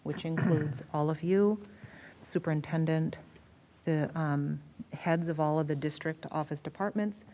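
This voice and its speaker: An American woman who serves as a school district superintendent presents in a school board meeting room. Her voice is low and warm, her pace measured, and she repeats words for emphasis as she explains things.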